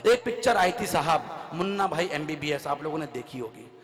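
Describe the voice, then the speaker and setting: A man's voice: on the high side, lively intonation, normal speed. A man performing comic storytelling on stage at a poetry gathering, acting out dialogue with rhythmic repetition. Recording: reverberant live PA sound.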